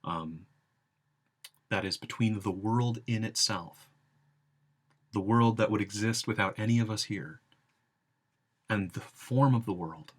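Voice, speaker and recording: Deliberate, low-pitched male lecturer. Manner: deliberate, emphatic phrasing in short segments. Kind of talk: academic philosophy lecture.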